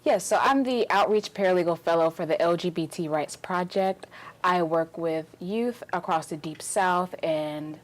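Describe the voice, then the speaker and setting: Low-voiced woman in her twenties. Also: normal speed. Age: 20s. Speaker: paralegal fellow. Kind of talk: group discussion.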